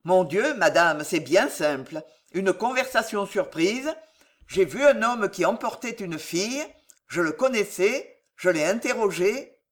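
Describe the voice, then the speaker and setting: A reader voicing an awkward, reticent old soldier in a storybook reading, speaking low and haltingly. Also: animated, close to an everyday voice. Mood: evasive.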